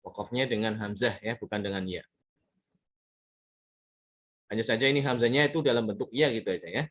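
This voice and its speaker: A man's voice: fairly low pitch, fairly quick, fairly bright tone. Patient man teaching recitation. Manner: patient, repeats words and examples with many "ya" checks. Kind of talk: tajwid lesson explaining examples.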